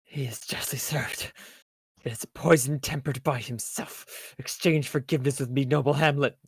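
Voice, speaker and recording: A man plays a dying young nobleman in a stage tragedy, urgent and repentant. The voice is gravelly and husky, recorded dry. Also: mid-range voice, steady tone, normal speed, dry recording. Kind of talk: amateur read-through of Shakespeare verse drama.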